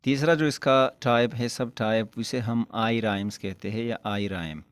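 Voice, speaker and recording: A man's voice: medium pitch, normal speed, clear, resonant tone, no echo. A man teaching as an English lecturer, explaining step by step, often rephrasing his points and correcting himself mid-word. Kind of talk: explanatory lecture in Urdu-Hindi mixed with English.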